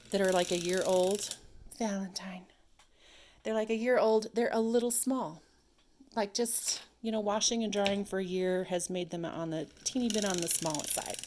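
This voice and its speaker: A married adult woman vlogs from home as she cranks a sock machine, its mechanism clicking away. Her voice is medium-pitched and somewhat dark, with a slight hiss or hum, and she chats to herself continuously, occasionally adding goofy sound effects.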